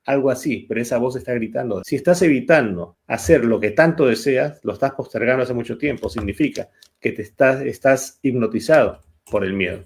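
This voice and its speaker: A man's voice: medium pitch, brisk. A man co-hosting a live coaching talk, speaking emphatically and repeating key words for effect. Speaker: neuro-coach co-host. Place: live online session.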